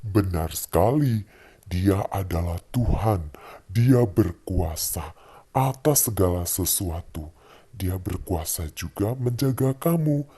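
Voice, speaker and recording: A man's voice: sits low, lively intonation, slow pace, mellow, breathy edge, heavily acted. A man voicing a patient father who tells his child a Bible story at bedtime, speaking in a soothing way. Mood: storytelling. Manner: soothing, acts out voices in the story.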